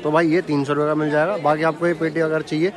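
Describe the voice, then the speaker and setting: His voice is a little high and fast, with little pitch movement. This young man strolls a busy street market for a casual vlog, asking sellers what things cost and repeating the answers to viewers. The handheld camera shifts between point of view and selfie angles, picking up the outdoor crowd's noise and chatter.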